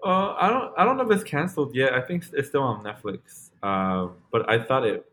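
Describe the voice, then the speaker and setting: A man in his late twenties co-hosts a podcast, rambling casually with lots of fillers and restarts. His medium-pitched voice is expressive and a bit bright, at a moderate pace.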